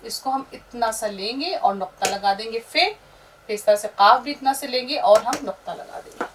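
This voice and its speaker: A woman's voice: on the high side, normal speed, slight background noise. Patient woman teaching letters, slightly distant. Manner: patient, explaining, pointing at letters as she writes. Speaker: Urdu teacher. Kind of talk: step-by-step script lesson.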